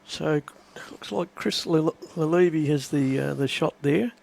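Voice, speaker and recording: A man's voice: fairly high pitch, a little slow, gravelly, darkish tone, slight background noise. A man commentating a lawn bowls match, steadily explaining the play and answering viewer questions. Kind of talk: live sports commentary.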